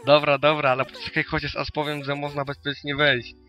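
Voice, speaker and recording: A man's voice: a little high, completely flat delivery, a little fast, sharp tone, faint music behind. A man voicing a brash teenage girl who bosses people around. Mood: bossy. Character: brash young woman, teen classmate, bossy older sister.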